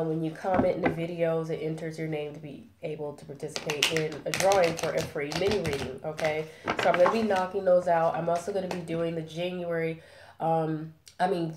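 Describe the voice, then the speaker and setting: A nasal-sounding woman with a head cold gives a chatty, casual tarot reading packed with fillers and check-ins. Her voice sits on the low side, the sound is roomy and the background noisy.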